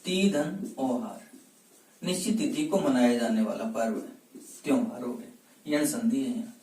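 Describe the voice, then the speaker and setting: A man's voice: medium pitch, measured pace, darkish tone. A man teaching a Hindi grammar lesson for exam preparation. He asks questions and answers them himself, and he repeats words as a drill. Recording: echoey room, mic at a distance.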